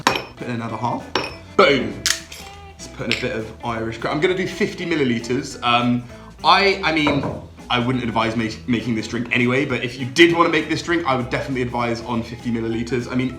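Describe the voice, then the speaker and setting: A young man hosting a drinks vlog in casual, upbeat chat, laughing often. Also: medium pitch. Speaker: drinks channel host. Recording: echoey room.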